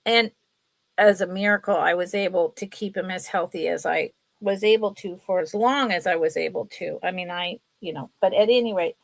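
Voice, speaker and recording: With a fairly low, creaky voice at normal speed, a middle-aged woman rambles chattily while hosting a livestream sale. She's congested and sniffly, and keeps dropping apologetic asides into her casual talk. The recording has no echo.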